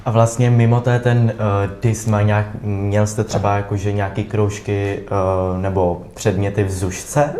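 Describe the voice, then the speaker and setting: A man's voice: lowish voice, flat delivery, hardly any pauses, mellow. A man interviewing a guest, asking his questions with hesitations and fillers. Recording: echoey room with faint background hum.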